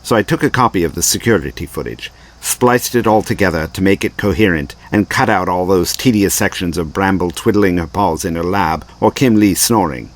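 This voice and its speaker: An actor playing a brilliant, compassionate alien time traveller in an audio drama, articulate and earnest in a theatrical way. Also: male voice, low voice, brisk. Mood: regretful, reflective. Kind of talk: full-cast audio drama acting.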